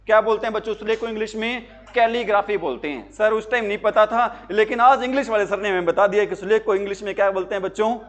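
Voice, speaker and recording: ऊँची आवाज़ वाला पुरुष शिक्षक, खुद से सवाल-जवाब करता हुआ. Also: male voice, high voice, fairly even intonation, quick pace. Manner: call-and-response questioning, answers his own questions; jokey, tells anecdotes. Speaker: teacher. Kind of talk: exam-prep lesson.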